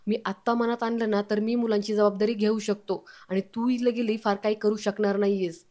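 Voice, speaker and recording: A woman reading the lines of a firm young husband who lectures and warns, in a mellow, flat voice. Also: medium pitch, brisk, natural voice.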